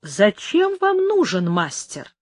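A woman's voice: medium pitch, wildly swooping pitch, slow pace, no room sound, clean studio sound, full character voice. A woman voicing a wary male yard worker who questions a stranger bluntly, in a story reading.

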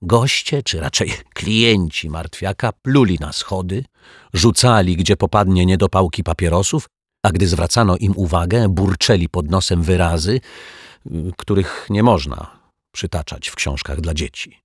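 A man reading a children's story aloud with steady, gently expressive narration. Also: deep voice, measured pace, breathy edge, no room sound, clean studio sound.

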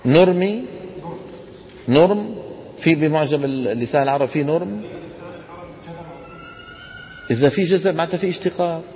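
A man's voice: on the high side, fast talker. A man lecturing a class on Quran recitation rules, explaining and quizzing students with prompt questions. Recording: dull lecture recording in a reverberant hall.

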